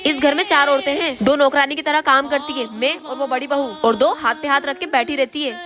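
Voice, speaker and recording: A woman's voice: sits high, steady tone, a little fast, close to an everyday voice. A woman playing an outspoken young daughter-in-law who talks back to her mother-in-law. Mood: defiant. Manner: bold and talking back. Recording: music playing behind.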